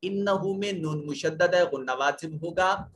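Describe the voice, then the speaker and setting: A man's voice: a little high, moderate pace, a bit bright, a little hiss or hum. A man teaching Quran recitation rules, explaining each letter and rule step by step in a methodical way. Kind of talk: tajweed lesson explaining rules.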